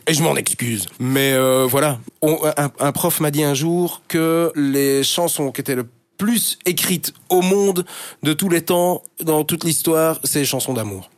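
An older man from Brussels, Belgium, speaks at a measured pace in a voice on the high side, chatting candidly as a radio guest in a studio interview. His casual talk is full of fillers and restarts, and there's no echo.

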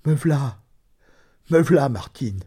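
A man voicing a shy, dazed young peasant man who stammers in a hushed voice. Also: mid-range voice, expressive, slow, breathy edge, voice pushed up. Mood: flustered.

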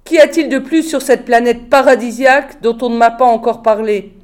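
A woman's voice: a little high, steady tone, normal speed, voice pushed up, close to an everyday voice. A woman reading an angry young exile. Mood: demanding. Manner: forceful, indignant.

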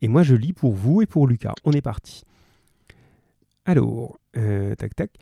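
A man's voice: medium pitch, animated, unhurried, creaky, warm tone, dry recording, clean studio sound. A man teaching an online class who talks to his pupils in a friendly, encouraging way, with frequent hesitations and fillers. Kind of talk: online class read-aloud and discussion.

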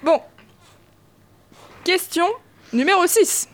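A woman's voice: extremely high pitch, animated. Giggly young woman hosting a quiz. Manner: laughing often, reads answer options slowly. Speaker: quiz host. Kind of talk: casual quiz chat. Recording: music playing underneath.

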